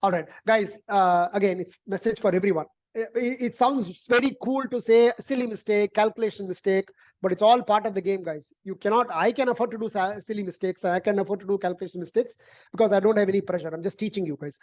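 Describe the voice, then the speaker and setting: Female math teacher, mid-pitched, explains step by step, repeats herself and tags lines with "right?". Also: fast, a little mellow. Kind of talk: online algebra lesson, explaining.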